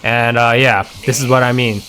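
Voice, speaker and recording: A man's voice: medium pitch, steady tone, normal speed, a crowd in the background. A man giving casual gameplay commentary, rambling with lots of fillers and restarts. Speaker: gaming content creator.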